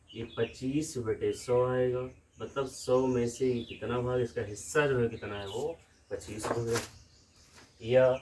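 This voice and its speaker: A man's voice: mid-range voice, a little mellow, far from the mic, a little hiss or hum, rough recording. A man with a Lucknow Hindi accent teaching a maths lesson from a room in a village, explaining step by step and asking questions back to the class.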